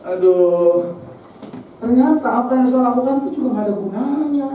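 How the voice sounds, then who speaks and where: A man preaching a lively youth sermon, joking and acting out examples with sound effects. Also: extremely high pitch, normal speed, slight background noise. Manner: playful, jokey, acts out examples with sound effects. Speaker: youth pastor. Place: church hall. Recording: echoey hall from far off.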